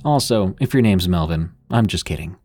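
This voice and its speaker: A man's voice: low-pitched, animated, moderate pace, warm tone, no room sound. A man hosting and narrating scripted scary stories in an ominous late-night radio manner, with music behind him. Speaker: host and narrator. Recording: music under the voice.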